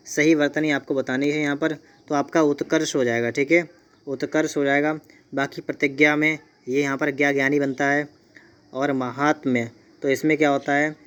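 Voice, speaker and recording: A man's voice: medium pitch, a bit bright. Man teaching Hindi spelling. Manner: repeats "theek hai" and "dekhiyega", spells words out slowly. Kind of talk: exam-prep lesson.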